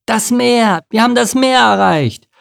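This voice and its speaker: A man voicing an eager, cheerful young male fish in a storybook, with high, bouncy, excited squeals. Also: takes it slowly, slightly rough, full character voice. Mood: overjoyed. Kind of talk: storybook reading.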